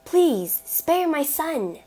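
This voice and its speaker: A woman voicing a grief-stricken noblewoman who pleads in a raised, high voice. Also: animated, takes it slowly, darkish tone. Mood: pleading.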